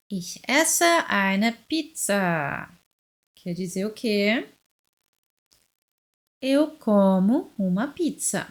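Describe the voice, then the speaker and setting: Slow, patient woman teaching a lesson. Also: mid-range voice. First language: German. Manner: slow, deliberate, explaining step by step. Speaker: German teacher. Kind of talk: language lesson for beginners.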